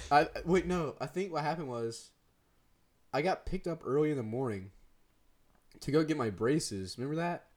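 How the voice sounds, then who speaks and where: A man's voice: a little high, lively intonation, measured pace, long pauses. A teenage boy co-hosting a podcast, telling rambling stories with lots of laughs and "dude". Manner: rambling, laughs often, says dude a lot. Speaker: podcast co-host. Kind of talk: casual chat.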